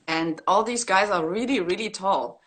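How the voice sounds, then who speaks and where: A woman's voice: mid-range voice, normal speed. A woman from East Germany, chatting candidly about her work in a video-call interview, with many fillers. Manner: relaxed, candid, with frequent fillers and laughs. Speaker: graffiti artist guest. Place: indoor room at home. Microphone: laptop webcam on a video call.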